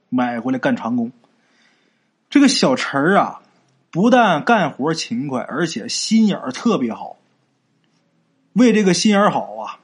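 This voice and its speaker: A man narrating a folk ghost story in a lively storytelling manner, asking and answering his own questions. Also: a little high, breathy edge. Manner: drawn-out phrase endings with 啊 and 呢.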